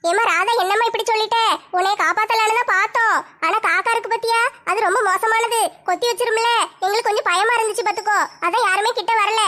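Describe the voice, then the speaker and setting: Rapid-fire, shrill, bright auntie, bossy and scolding, in a comedy skit. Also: female voice, fairly even intonation. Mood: mocking. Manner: brisk, scolding. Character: scolding village neighbour woman, defensive and bossy.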